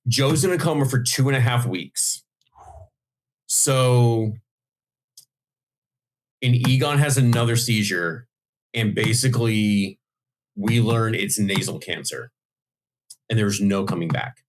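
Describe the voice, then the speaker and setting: A man's voice: lowish voice, expressive, slow, pauses often, a little hiss or hum. A man, a comic book writer, chatting on a podcast and telling long, rambling stories full of fillers and restarts. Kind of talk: casual podcast chat.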